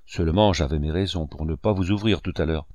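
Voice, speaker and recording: A man reading the lines of a cold, bitter young male cashier bent on revenge, measured and cutting. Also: sits low, a little mellow, no room sound, studio quality, pitched below the performer's own voice, close to an everyday voice. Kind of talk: audiobook character reading.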